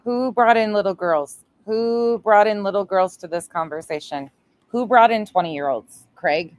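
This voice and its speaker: A woman's voice: mid-range voice, measured pace. A woman streamer reacting to clips with blunt, sarcastic, profane commentary. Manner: blunt, sarcastic, swears freely.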